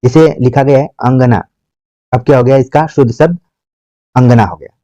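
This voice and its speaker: A man teaching grammar for an exam, explaining patiently, repeating example words slowly and asking himself rhetorical questions. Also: medium pitch, warm tone, no echo. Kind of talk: exam-prep grammar lesson. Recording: dull, muffled dry recording.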